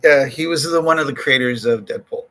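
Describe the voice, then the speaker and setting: A man hosting a podcast in casual chat, excitable and halting, with lots of fillers and restarts. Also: mid-range voice, low-quality recording. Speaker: podcast host.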